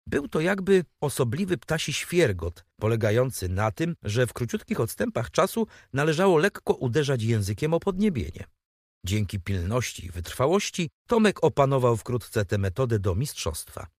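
Male audiobook narrator, animated delivery, slightly husky, dry close sound. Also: medium pitch, no echo. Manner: expressive, animated reading. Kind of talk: scripted storybook narration.

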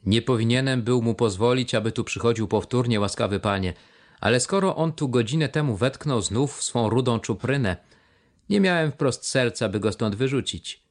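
A man's voice: mid-range voice, normal speed, natural voice. A man voicing a wheedling, overly polite one-legged pirate with a crutch, reading an audiobook. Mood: fawning.

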